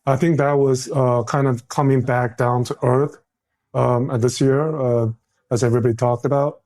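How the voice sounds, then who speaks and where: A man co-hosts a casual roundtable talk. He leans hard on the words he wants to stress and pauses with hesitations in between. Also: medium pitch, little pitch movement, warm tone. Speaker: podcast co-host.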